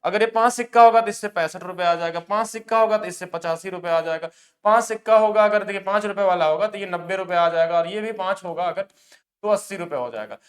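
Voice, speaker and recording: Fast-talking high-voiced male maths teacher. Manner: brisk explanatory, coaxing students to look closely. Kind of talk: exam-prep maths lesson.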